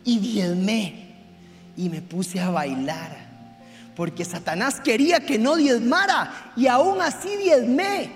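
A man preaching a sermon to his congregation, swinging from hushed confession to shouting. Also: very high voice, expressive, slow pace. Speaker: pastor. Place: church hall. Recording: reverberant hall with faint music.

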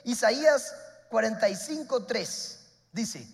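A man preaching a sermon as pastor, emphatic, repeating his points and swinging between loud and soft. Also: very high voice, lively intonation, slow pace, vocal fry, long reverb tail.

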